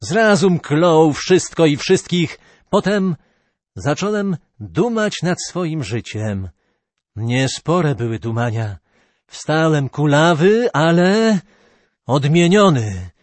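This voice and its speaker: A man's voice: fairly high pitch, very animated, slow, no room sound. A man voicing a ragged, lame fiddler and former robber who earnestly confesses his past, in a storybook reading. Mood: confessing. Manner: plain-spoken, earnest confession.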